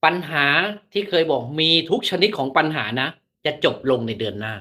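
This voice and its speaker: A man's voice: mid-range voice, very animated, moderate pace, sharp tone. A man telling fortunes on a live stream, chatty and teasing in a mock-mystical way. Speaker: fortune teller.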